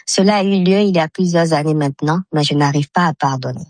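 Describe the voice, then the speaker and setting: A woman from Mali in her thirties reads a recorded message at a measured pace. Her voice runs through a voice changer that drops it very low. The sound is dry and close, with no room around it. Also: a little mellow, dry recording. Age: 30s. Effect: voice disguised with a voice changer. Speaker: caller to a health radio show. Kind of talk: recorded message read aloud.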